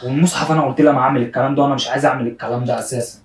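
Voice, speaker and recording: A man's voice: medium pitch, steady tone, rapid-fire. A young man with an Egyptian accent, pleading and apologizing anxiously, repeating himself over and over in a casual prank vlog. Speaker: prankster vlogger. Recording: roomy sound from a distance.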